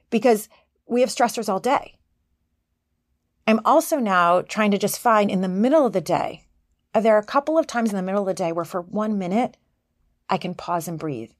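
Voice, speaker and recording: A middle-aged woman hosting a motivational podcast as a life coach, earnest and encouraging, sometimes bursting with excitement. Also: mid-range voice, a little fast, dry recording, studio quality. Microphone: podcast microphone.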